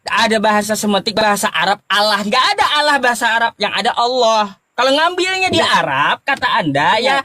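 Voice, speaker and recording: A man's voice: high-pitched, very animated, a little fast, bright, forceful tone, no echo. A man arguing in a heated religious debate, lecturing his opponent in a mocking tone with stammered restarts.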